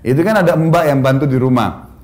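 Male preacher telling family stories. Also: brisk. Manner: warm anecdotal delivery, chuckling at his own stories, rising high when amused. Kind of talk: storytelling sermon to a congregation.

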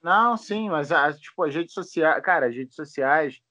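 A man's voice: on the high side, animated, normal speed, pushed and bright, dry recording. A Brazilian man hosting a podcast, chatting casually, rambling with many restarts and casual swearing. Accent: Brazilian Portuguese. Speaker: podcast host. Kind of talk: casual chat. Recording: dull lo-fi dry sound.

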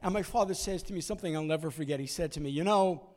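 A man in his sixties telling a personal story in an animated way, acting out voices and moments from it. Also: fairly high pitch, quick pace.

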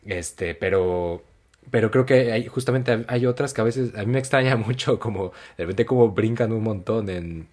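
Deep-voiced Mexican man telling anecdotes. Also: moderate pace. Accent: Mexican Spanish. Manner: animated storyteller, jumps to high acted voices for quotes; colloquial, many fillers. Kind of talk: casual chat.

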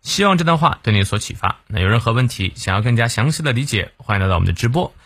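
Husky man teaching English, lively pitch. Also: no room sound, studio quality. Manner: explains phrase by phrase, with fillers like 啊 and 哎; reads English lines slowly and carefully. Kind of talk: morning English reading lesson.

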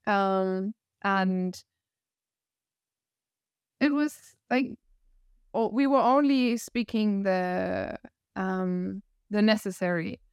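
A woman in her thirties with a northern German accent, a podcast guest telling her story in a reflective, animated way. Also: mid-range voice, drawn-out words, pauses often, clear, resonant tone, dry recording, muffled recording. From northern Germany, near Hamburg. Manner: reflective, animated storyteller who laughs often. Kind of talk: casual interview conversation.

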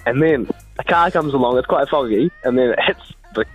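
A man with a New Zealand accent and a mid-range, slightly rough voice speaks fairly quickly as a radio news segment correspondent. His casual, humorous news chat comes across giggly and hesitant in a storytelling way, on a muffled recording with faint music behind.

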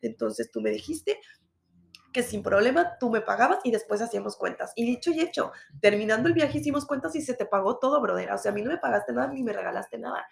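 A woman's voice: on the high side, lively intonation, fast talker, vocal fry. A woman in her thirties with a Mexican accent, talking bluntly and profanely in a casual confessional monologue. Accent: Mexican Spanish. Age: 30s. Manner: blunt and profane, mocks her own past self.

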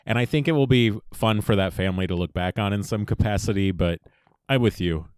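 Brief: young male podcast host, low smooth voice, dry and reflective. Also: brisk, darkish tone, dry recording. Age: young adult. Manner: easygoing, reflective, dry humor. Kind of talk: casual chat.

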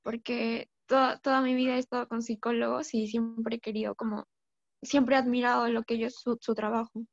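A young woman in her twenties calling into an advice show, speaking hesitantly with halting restarts. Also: on the high side, flat delivery, vocal fry, no echo. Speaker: caller. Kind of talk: call-in advice chat. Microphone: video call. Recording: dull dry video-call audio.

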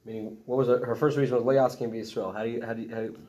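A man in a class asking the teacher questions, halting and repeating his words. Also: medium pitch, level tone, a little mellow. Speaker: student.

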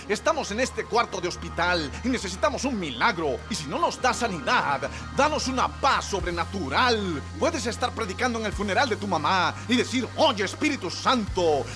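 A man preaching a sermon in a church, joking and conversational, swinging from soft asides to shouted peaks. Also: high-pitched. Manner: jokey and conversational. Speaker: pastor.

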